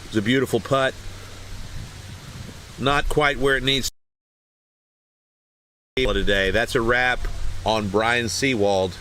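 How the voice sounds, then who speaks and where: A man giving playful, mock-serious play-by-play commentary, hyping small moments with deadpan drama. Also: medium pitch, slow, pauses often, a little hiss or hum, low-quality recording.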